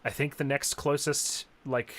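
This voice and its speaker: A man hosting his own live stream in casual chat, animated and jumping high in pitch for quoted asides. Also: unhurried, a crowd in the background. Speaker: streamer host.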